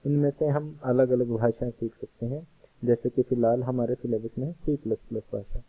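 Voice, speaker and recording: A male teacher explaining a computer science lesson slowly and patiently, often rephrasing the same point. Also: medium pitch, steady tone. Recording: tinny phone-like audio.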